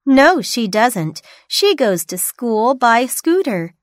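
A woman reading textbook dialogue answers for a listening test, slowly and carefully enunciated for learners. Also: on the high side, sing-song, no echo, clean studio sound.

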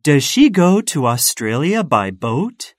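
A woman reading textbook dialogue questions for a listening test, slowly and carefully enunciated for learners. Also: sits low, big pitch swings, dry recording, clean studio sound.

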